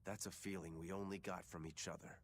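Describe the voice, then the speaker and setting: An actor playing a calm, plain-spoken young swordsman in a video game. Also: low voice, fairly quick, a little hiss or hum.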